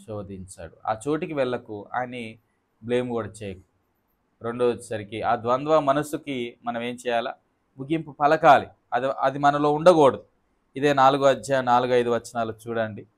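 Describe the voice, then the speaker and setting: A middle-aged man with a Telangana Telugu accent preaching a sermon. He swings between loud exhortation and low asides, and he keeps asking the congregation questions. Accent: Telugu, with Telangana words. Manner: often asks the audience "ఏమండి?". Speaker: pastor.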